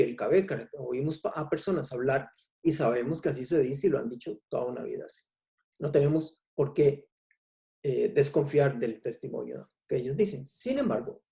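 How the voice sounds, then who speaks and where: A man with a Costa Rican accent giving an explanatory public talk on language history, unhurried and pausing often with "eh". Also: a little high, gravelly, dark tone. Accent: Costa Rican Spanish. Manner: unhurried, explanatory, frequent "eh" pauses. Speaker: lecturer.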